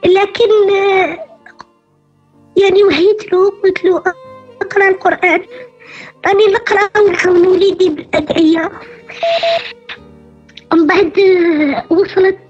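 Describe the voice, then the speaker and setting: Caller: middle-aged Algerian woman over the phone, high voice, hesitant telling, faint music behind. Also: fairly even intonation. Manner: halting, many hesitant fillers. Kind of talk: telling her story in a call-in show. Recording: dull phone line.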